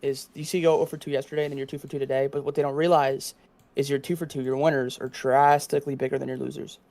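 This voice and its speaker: A man's voice: medium pitch, level tone, fast, a little mellow. A young man giving casual livestream trading commentary, explaining things and repeating himself as he goes. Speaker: live trading streamer.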